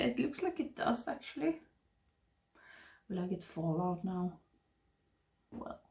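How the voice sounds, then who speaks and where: A beauty vlogger in her thirties with a Swedish accent and a lowish voice chats casually at home during a get-ready-with-me session. She rambles and murmurs softly to the webcam framed at her desk while applying makeup in her indoor makeup room.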